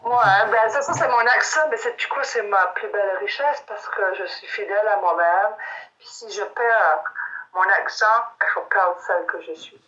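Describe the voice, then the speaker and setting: A middle-aged woman with a strong Acadian accent from the Magdalen Islands chats eagerly, piling up restarts and asides. Her voice sits at an ordinary pitch and comes through a muffled, lo-fi line. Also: moderate pace. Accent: Acadian French, Magdalen Islands. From Magdalen Islands, Quebec. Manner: animated, rambling, candid with many restarts. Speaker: singer, guest. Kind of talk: casual radio interview chat.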